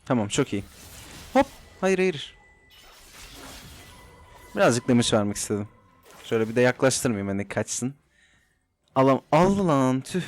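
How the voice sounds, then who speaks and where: A young man, a gaming YouTuber, gives casual live commentary while playing, chatting, teasing his opponents and sometimes talking to himself. His medium-pitched voice is very animated at a measured pace with long pauses, and soft music plays behind him.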